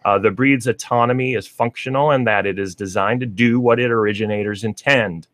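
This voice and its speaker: Male radio host, low voice, dry studio sound, chatty and laughing. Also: a little fast, a bit bright, no echo. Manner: chatty, laughs often, reads aloud with asides. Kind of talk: casual radio talk show, reading breed facts.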